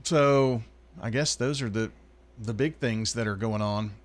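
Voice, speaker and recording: A man's voice: lowish voice, unhurried, no room sound. Easygoing man hosting morning radio. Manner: easygoing, rambling with many ums. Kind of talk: casual radio banter. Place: radio studio. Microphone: studio microphone.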